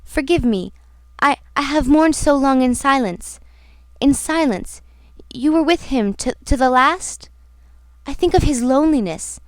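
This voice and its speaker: A woman voicing a grieving, devoted young woman who murmurs low and pleads. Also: animated, a little slow, no room sound.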